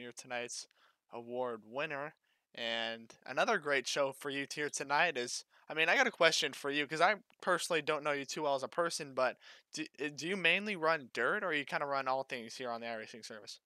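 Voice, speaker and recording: A man's voice: a little high, fairly quick, sharp tone, no echo. A man commentating and asking a driver questions in a conversational way. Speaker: race commentator and interviewer. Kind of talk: casual broadcast commentary.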